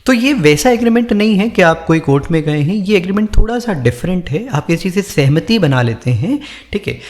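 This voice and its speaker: A man's voice: sits high, animated. Encouraging male vocabulary teacher, echoey room. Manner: speaks Hindi mixed with English, reads English examples slowly; frequent "ठीक है" check-ins, encouraging. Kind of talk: casual explanatory lesson.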